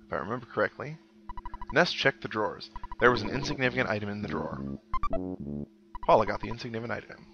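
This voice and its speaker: Playing through a game, this gaming show host delivers quick, expressive commentary in a fairly low, creaky voice, pausing often. He tosses in sarcastic, wry remarks and sometimes reads on-screen text aloud. Synthesized game music plays behind his dull, lo-fi mic.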